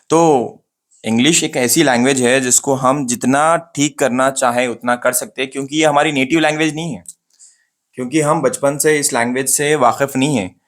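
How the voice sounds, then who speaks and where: Man drilling pronunciation, slow and repetitive. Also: medium pitch, a bit bright. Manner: repeats words slowly to model pronunciation, asks and answers himself. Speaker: English pronunciation teacher. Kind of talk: casual spoken lesson to camera.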